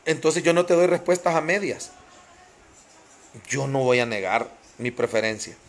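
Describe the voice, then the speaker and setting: A man's voice: mid-range voice, expressive, normal speed. A man with a Honduran accent ranting passionately on a live stream, greeting viewers by name and repeating phrases for emphasis. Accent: Honduran Spanish.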